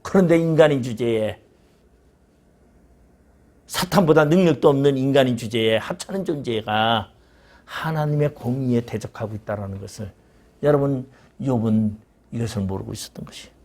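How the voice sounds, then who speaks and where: A man's voice: mid-range voice, normal speed, pauses often, darkish tone. A man preaching a sermon as pastor, acting out quoted voices of God and Job. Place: church sanctuary.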